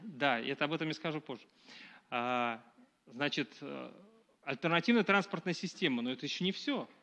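The lo-fi recording, taken by a distant camera, features a middle-aged man giving a public lecture to a live audience in a small dark room. His voice is on the high side and expressive, moving at a moderate pace, and he talks conversationally with many fillers and restarts.

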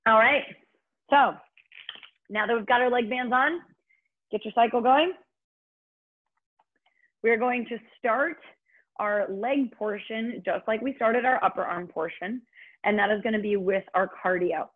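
A woman's voice: fairly high pitch, moderate pace. Upbeat woman aerobics instructor, muffled stream. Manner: upbeat, encouraging, short motivating cues. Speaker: fitness instructor leading a live online workout. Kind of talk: aerobics instructor cueing, counting down and coaching. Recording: muffled, band-limited online stream audio.

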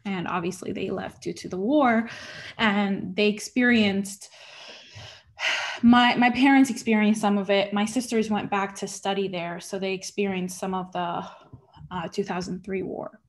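A woman's voice: medium pitch, steady tone, a little slow. A young woman from the United States giving an earnest, grateful comment as a panelist on a video call from her living room. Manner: earnest, grateful, with many fillers. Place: living room at home, indoors. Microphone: laptop webcam.

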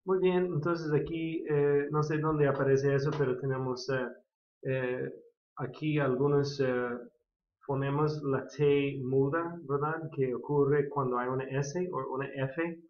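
A man's voice: mid-range voice, fairly even intonation, unhurried. An American man from California, a native English speaker, teaching an English grammar lesson in Spanish, patiently repeating model sentences. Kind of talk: slow bilingual grammar lesson. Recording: echoey, dull lo-fi sound.

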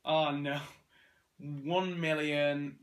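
A man's voice: on the high side, little pitch movement, extremely slow. A British teenage man trading casual quiz banter on a sofa indoors. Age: teens. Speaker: challenge participant. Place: living room sofa, indoors. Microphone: camera a short distance away.

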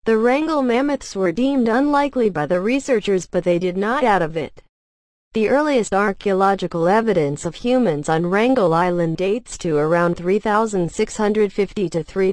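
A woman's voice: medium pitch, darkish tone, dry recording. A woman reading scripted science narration in the manner of a nature documentary.

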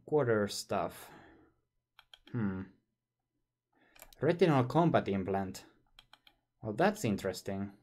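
A young Finnish man with a Finnish accent casually muses to his stream viewers while gaming in a small indoor room. His voice sits on the low side and is a little mellow, animated yet slow, with long pauses.

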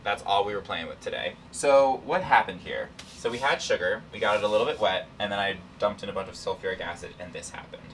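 A man's voice: fairly low pitch, fast, hardly any pauses, fairly bright tone. A young man explaining science casually, in a playful, slangy, irreverent way. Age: young adult. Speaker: chemistry presenter. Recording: distant camera mic, faint room noise.

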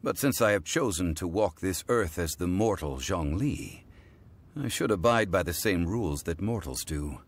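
A man voicing an ancient god living as a calm, dignified mortal, speaking in measured, formal sentences. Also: low voice. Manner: measured, formal, stately speech. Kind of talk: video game voice acting.

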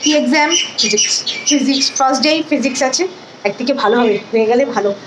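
Chatty homemaker over room noise. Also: female voice, fairly high pitch, fairly quick. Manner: chatty, homely, narrating chores. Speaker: homemaker vlogger. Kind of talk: casual daily vlog. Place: home kitchen and sunny outdoors.

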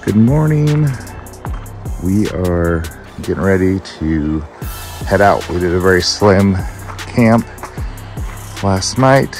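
A man giving a casual travel update for his van life vlog, chatty and relaxed with fillers, at a campground. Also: low voice, takes it slowly, pauses often, faint music behind. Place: campground outdoors.

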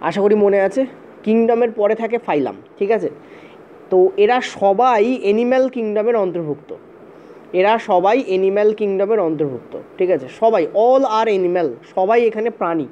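A teacher giving an exam-prep lecture, repeating points and checking in with "okay" often, spelling terms out letter by letter. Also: medium pitch. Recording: dull, slightly lo-fi audio with faint hiss.

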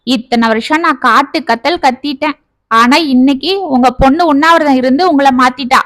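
A woman's voice: high-pitched, brisk, fairly bright tone. A woman voicing an exasperated housewife mother. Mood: relieved. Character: worried middle-aged mother and wife.

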